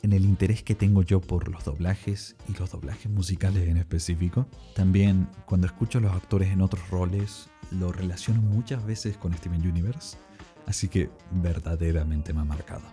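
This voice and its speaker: Very deep, dark-voiced man narrating. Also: steady tone, normal speed, soft background music. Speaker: video narrator. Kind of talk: scripted explainer narration.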